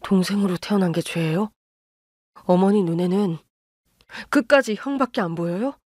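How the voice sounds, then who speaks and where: A woman's voice: medium pitch, expressive, normal speed, darkish tone, no echo, studio quality, close to an everyday voice. A woman voicing a younger son and husband who confronts his mother in wounded anger, in a storybook radio drama. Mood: angry hurt. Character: older male husband, younger son, hurt and angry.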